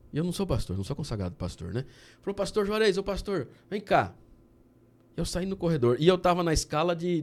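A man from Brazil, a guest on a podcast, telling a personal story in a casual, animated way and often saying "cara". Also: a little high. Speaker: podcast guest, candy entrepreneur.

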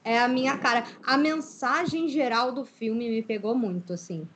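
A woman's voice: fairly high pitch, moderate pace, a bit bright. A young woman from Brazil, a podcast co-host in casual chat, talking in a thoughtful, reflective way.

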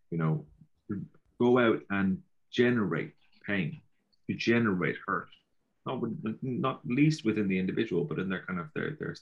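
Low-voiced man with a west of Ireland accent. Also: highs cut off. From Galway, Ireland. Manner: repeats himself, peppers talk with "you know". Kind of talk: casual philosophical discussion.

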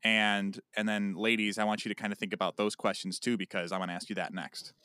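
A man hosts a podcast in a playful, chatty way, asking his guests questions and telling quick stories. His voice is bright and crisp, and the recording sounds dry. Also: on the low side, little pitch movement, no room sound. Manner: playful, storytelling, asks questions. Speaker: podcast host. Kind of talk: casual chat.

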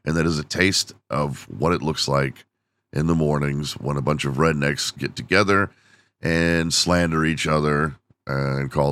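A man with a rumbling low voice and a fairly bright tone hosts a casual solo podcast, recorded dry. He rambles, pokes fun at himself, laughs a lot, and is losing his voice from overuse.

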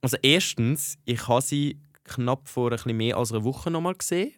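A young man in his twenties with a Swiss German accent, co-hosting a podcast and telling stories in a chatty, animated way. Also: mid-range voice, brisk, no room sound, clean studio sound. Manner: animated, chatty storytelling with laughs. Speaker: podcast co-host. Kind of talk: casual chat.

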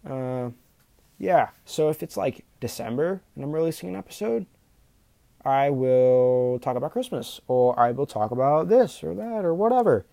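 A podcast host talks off the cuff on his own solo show, sounding nervous as he stumbles over words, restarts, and says um a lot. His mid-range voice is animated, creaky, and mellow at a moderate pace, with no room sound.

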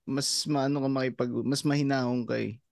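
A man's voice: medium pitch, fairly even intonation, moderate pace, vocal fry, darkish tone, no room sound, clean studio sound. Joking man on a podcast. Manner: joking and teasing. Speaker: podcast co-host. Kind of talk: casual podcast chat.

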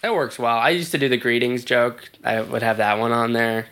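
Young male comedy podcast guest, bright forward voice at medium pitch, casual and joking. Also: fairly even intonation, normal speed. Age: young adult.

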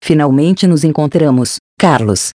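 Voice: medium pitch, expressive, a little slow, darkish tone, no echo, clean studio sound. Narrator reading a sneering repulsive spirit. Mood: taunting. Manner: sarcastic, taunting.

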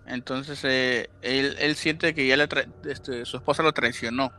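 A man with a bright, forward voice walks through a horror film's plot in casual chat. He tells it with animated energy and drops in sound effects and little fillers along the way. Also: mid-range voice, a little slow, slight background noise. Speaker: podcast co-host recapping a film.

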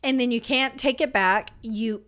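Chatty, high-voiced young woman. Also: moderate pace, a bit bright. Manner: chatty, breaks into big laughs while telling stories. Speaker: podcast co-host. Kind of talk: casual chat.

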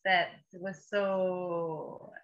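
A woman's voice: on the low side, level tone, very slow, fairly bright tone, muffled recording. A woman from Italy speaking English with an Italian accent as an interview guest, searching for words at times and laughing easily. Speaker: guest, workshop co-leader. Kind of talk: casual conversation.

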